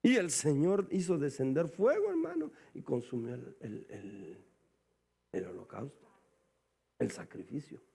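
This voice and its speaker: A male pastor preaching a sermon. He keeps calling his listeners "brother" and swings between quiet, low asides and loud, high exclamations. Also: wildly swooping pitch, measured pace, vocal fry, breathy edge. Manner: calls the congregation "hermano" again and again.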